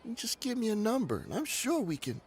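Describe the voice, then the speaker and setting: An actor playing a nervous, evasive ex-mercenary smuggler in a video game, wheedling in slangy, pleading talk. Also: male voice, sits high, huge pitch swings, a little hiss or hum. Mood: pleading, grudging. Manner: fast-talking, pleading, slangy. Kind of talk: scripted video game dialogue.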